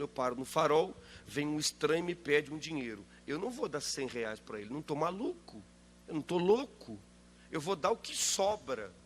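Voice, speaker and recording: A male pastor preaching a sermon, driving his points home with rapid rhetorical questions and loud emphatic peaks. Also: fairly high pitch.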